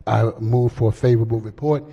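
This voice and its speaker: A man speaking as senate floor leader, explaining a bill in a halting floor speech with many fillers and restarts. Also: mid-range voice, steady tone, gravelly, dark tone, breathy edge, muffled recording. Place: legislative chamber. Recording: long hall reverb.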